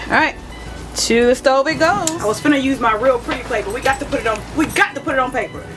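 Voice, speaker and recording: A woman's voice: high voice, fast, music in the background. A woman, talking casually to viewers in her cooking vlog, chatty and full of fillers. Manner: chatty, talks straight to viewers as "y'all", with fillers. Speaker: cooking vlogger.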